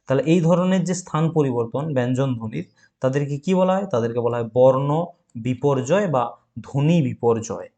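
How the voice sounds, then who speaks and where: A male teacher running an exam-prep grammar lesson. He keeps asking questions and answering them himself, and he repeats key words, dragging them out slowly. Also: mid-range voice, lively intonation, dark tone. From West Bengal.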